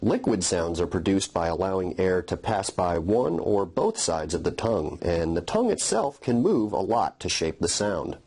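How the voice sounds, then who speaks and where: A man gives a scripted phonetics lesson in a deep, husky voice. His intonation rises and falls widely as he methodically explains and sounds out each consonant. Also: big pitch swings, normal speed, hardly any pauses, a little mellow. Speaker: phonetics instructor. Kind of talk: scripted educational narration.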